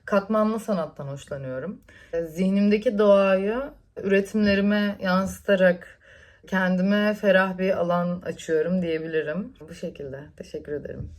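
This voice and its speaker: A young woman in her twenties calmly reflects on her painting practice in a personal artist statement. Her voice sits in a middle pitch. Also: normal speed.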